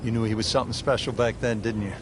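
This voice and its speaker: A man's voice: medium pitch, fairly even intonation, fast talker. A man giving golf commentary as lead announcer, calling shots and putting questions to his co-commentator. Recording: noisy outdoor course, crowd and vehicle sounds. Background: crowd and loud outdoor ambience.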